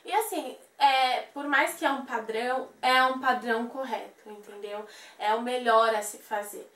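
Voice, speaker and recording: A young woman telling a personal story in an interview, animated and acting out the voices of the people in it. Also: on the high side, moderate pace. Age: young adult. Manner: animated, acts out quoted voices. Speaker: interview guest. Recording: echoey room, voice from a distance.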